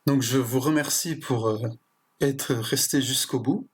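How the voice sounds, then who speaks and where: A man teaching a language lesson in a plain explanatory way, often pausing with fillers and restarting his sentences. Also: mid-range voice, slight background noise. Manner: hesitant, with frequent fillers and restarts.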